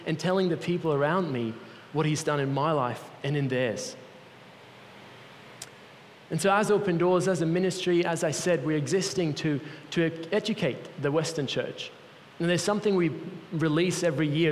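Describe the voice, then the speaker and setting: Speaking in a fairly high voice, this young man from Switzerland preaches an earnest, heartfelt sermon to a church on behalf of a mission group he is visiting. His Swiss accent echoes through a large church hall with long reverb, and a faint hiss or hum sits underneath.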